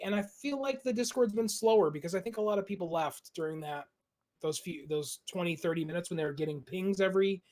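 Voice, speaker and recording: Male host, casual and explanatory, higher pitched. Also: a little mellow. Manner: chatty, laughs often, explains step by step. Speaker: streamer and podcast host. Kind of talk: casual chat.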